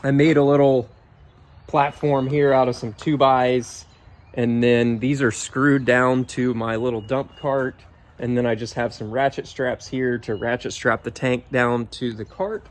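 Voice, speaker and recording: A man's voice: medium pitch, measured pace. A middle-aged man from Georgia in the US, casually walking through his homemade yard sprayer outdoors, rambling with lots of ums. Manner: relaxed, rambling with many ums. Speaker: home DIY vlogger. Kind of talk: casual how-to walkthrough.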